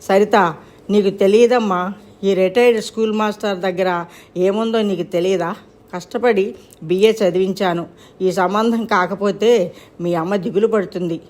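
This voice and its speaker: A woman's voice: medium pitch, fairly even intonation, normal speed, a little mellow, natural voice. A woman voicing a worried, aging retired schoolteacher father who speaks in a pleading, soothing way in a storybook reading.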